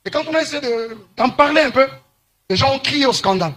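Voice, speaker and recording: High-voiced man preaching from Congo. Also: animated, fairly bright tone. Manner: preachy, emphatic, slows to stress points. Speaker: commentator. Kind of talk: monologue to camera.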